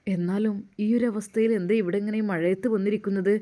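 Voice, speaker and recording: A kindly young male cleric speaks in a lowered, gentle voice, as a woman narrator puts him on. He asks soft, concerned questions and stays calm and caring. This is a told Malayalam-style storybook reading done by one voice. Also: fast, close to an everyday voice.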